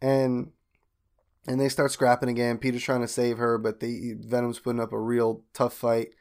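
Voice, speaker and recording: Casual young male podcast co-host, mid-pitched, retells plot with jumpy high quote voices. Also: completely flat delivery, normal speed, darkish tone. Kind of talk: casual chat recapping a cartoon.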